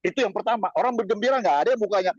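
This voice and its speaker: Husky, animated man preaching. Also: very fast, dry recording, muffled recording. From Indonesia. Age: 50s. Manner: lively, swings pitch up for emphasis, chatty asides. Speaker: pastor. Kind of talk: sermon over video call.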